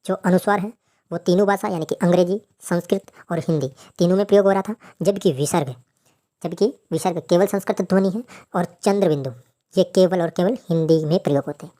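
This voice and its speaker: A woman with a fairly low voice explains grammar in a lecture. She asks the class a question and then answers it herself. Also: brisk, warm tone. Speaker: teacher.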